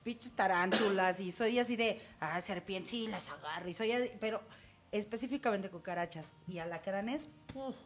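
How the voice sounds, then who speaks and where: A woman in her thirties with a Mexican Spanish accent, co-hosting a casual chat and telling stories with animated acted-out reactions. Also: mid-range voice, moderate pace, faint music behind. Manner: animated storyteller who acts out her own reactions. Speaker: co-host.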